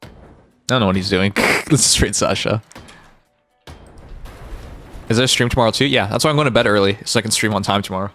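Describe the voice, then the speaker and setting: This man hosts a livestream, joking and chatting casually with viewers into a close mic. His voice sits on the low side with a fairly bright tone, and he talks fairly quickly but pauses often over soft background music.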